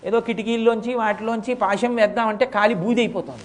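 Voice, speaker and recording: A man delivers a religious discourse in an animated storytelling manner. His voice sits high for a man, and he slows into chanted verse recitations. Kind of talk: sermon storytelling.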